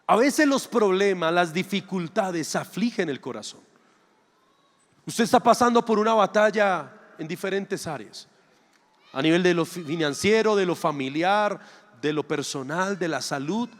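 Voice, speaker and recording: A man's voice: sits high, expressive, measured pace. A man preaching a sermon, acting out little dialogues and firing rhetorical questions. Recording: long hall reverb.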